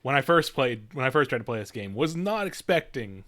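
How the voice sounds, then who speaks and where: On a live game stream, a man chats casually with a medium-pitched, fairly bright voice, talking briskly and with lots of animation. He rambles, swears now and then, and keeps correcting himself while game music and dialogue play behind him.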